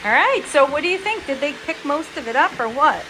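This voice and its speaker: A woman's voice: high-pitched, animated, brisk, background noise. A young adult woman hosting a home video, chatting casually with a child.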